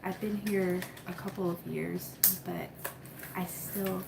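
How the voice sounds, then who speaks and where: A woman from Cuba, chatting casually at home as she unboxes supplies for her coloring book business. She rambles softly, with lots of "like" and "um". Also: fairly low pitch, fairly even intonation, takes it slowly, gravelly, noisy background. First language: Spanish. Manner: soft-spoken and rambling, with many fillers like "like" and "um". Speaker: coloring book creator and channel host.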